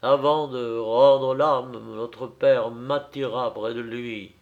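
A man reading a melodramatic story aloud in a measured, theatrical way. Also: medium pitch, fairly even intonation, phone-quality sound.

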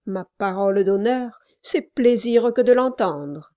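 A woman's voice: mid-range voice, lively intonation, takes it slowly, dark tone, no echo, clean studio sound. A woman reading an audiobook, voicing an obsequious male lawyer who titters and agrees with everything. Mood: flattering. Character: fawning, sniggering male lawyer.

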